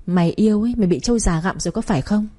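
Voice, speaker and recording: A woman's voice: mid-range voice, rapid-fire, warm tone, lightly acted. A woman doing a sneering jealous rival. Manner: sneering, contemptuous. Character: spiteful, jealous young woman.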